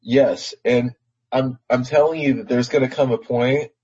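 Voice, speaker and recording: A man's voice: mid-range voice, fairly even intonation, unhurried, mellow, slightly rough, lo-fi sound. A man being coached on a call, answering earnestly and often restarting his phrases. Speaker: team leader being coached. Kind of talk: call conversation.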